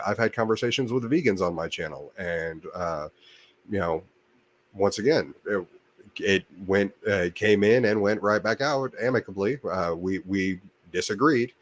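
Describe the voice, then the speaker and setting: A man hosting his own channel, talking casually on a livestream in a rambling way with many restarts and fillers. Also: deep voice. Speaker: channel host. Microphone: desk mic by a computer monitor.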